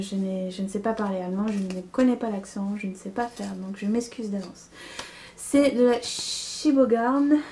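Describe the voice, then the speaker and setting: A young woman hosts a knitting podcast, casually showing off a yarn haul she received, with frequent fillers and little laughs. Her voice is a little high and a little mellow, and there's a slight hiss or hum in the recording.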